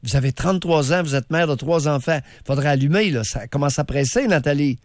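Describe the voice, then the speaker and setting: A man's voice: fairly high pitch, fairly quick, no echo. A male radio host with a Québécois French accent, bluntly and sarcastically probing a caller. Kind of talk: call-in radio show.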